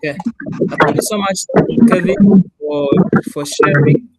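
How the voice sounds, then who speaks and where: A man's voice: a little high, measured pace. A man hosting an online engineering class on a video call, welcoming participants and politely thanking each one.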